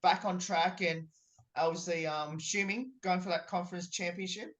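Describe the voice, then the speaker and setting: A man's voice: sits high, steady tone, normal speed, fairly bright tone. A young man asking casual questions as a sports interviewer over a video call. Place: indoor room at home, video call.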